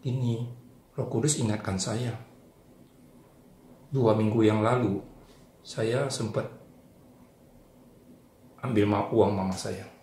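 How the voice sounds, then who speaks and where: A man's voice: lowish voice, fairly even intonation, takes it slowly, pauses often, mellow. A man voicing a sad, worried young boy who hesitantly confesses a wrongdoing. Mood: confessing. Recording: roomy echo, faint noise.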